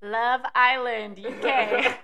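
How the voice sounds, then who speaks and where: A woman co-hosting a podcast in casual chat, bubbly and quick to laugh. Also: a little high, steady tone, gravelly, dull audio, crowd noise. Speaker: podcast co-host.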